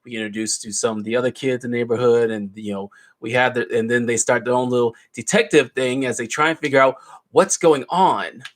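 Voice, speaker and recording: A man's voice: mid-range voice, a little fast. A man giving a casual, rambling film review, retelling the plot loosely with plenty of asides. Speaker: movie reviewer.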